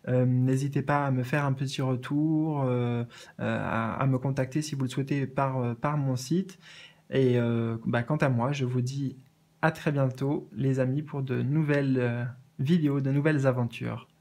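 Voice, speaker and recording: A man doing a casual spiritual card reading, earnest and gentle, with many fillers and restarts. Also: mid-range voice, fairly even intonation, normal speed. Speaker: medium reading oracle cards.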